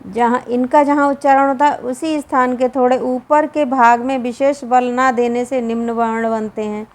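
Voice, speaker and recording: A woman with a Hindi accent, reading and explaining a Sanskrit grammar lesson slowly and deliberately, drawing out each sound. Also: high voice, steady tone. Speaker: Sanskrit teacher.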